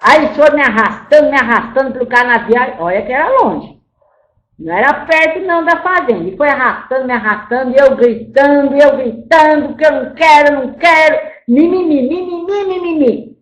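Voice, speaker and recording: A woman's voice: high voice, animated, brisk. Woman channeling an old grandmother spirit. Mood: mournful telling. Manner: storytelling, repeats "my child", scolds then grieves. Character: old grandmother spirit, once enslaved, scolding and tender. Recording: roomy echo.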